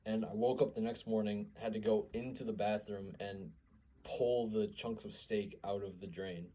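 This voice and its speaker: A man's voice: on the low side, fairly even intonation, normal speed, warm tone, poor audio. A young man, a podcast co-host, telling a story in casual chat, swearing and laughing as he goes.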